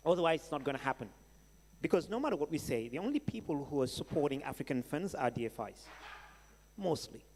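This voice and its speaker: The keynote speaker, a man with a Senegalese accent, has a slightly high, slightly mellow voice and talks quickly and animatedly as he answers questions. At this live event in a large hall, his conversational, emphatic replies include rhetorical questions, with long hall reverb and slight background noise.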